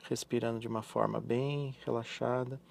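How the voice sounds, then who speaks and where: Low creaky man guiding hypnotic relaxation. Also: steady tone, slight background noise. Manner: slow, soothing, repetitive instructions with pauses. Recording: voice over background music. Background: relaxation music.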